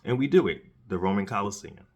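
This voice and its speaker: A man with a lowish voice delivers a solo commentary in a casual but preachy way. He presses his points by repeating phrases and often stops to restart a sentence. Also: animated, quick pace, a little mellow, slightly rough, lo-fi sound. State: dry mouth, has candy in his mouth. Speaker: podcast host.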